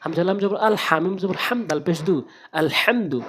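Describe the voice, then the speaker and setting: A man's voice: high voice, a little fast, fairly bright tone. A man, teaching Quran recitation in a spoken tutorial. He spells out Arabic syllables one letter at a time, then repeats the whole words.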